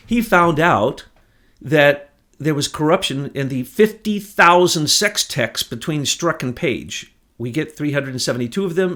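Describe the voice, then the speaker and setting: A man co-hosting a political talk show, speaking in an indignant, emphatic way that rises to near shouts. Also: mid-range voice. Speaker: podcast co-host. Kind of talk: heated political commentary.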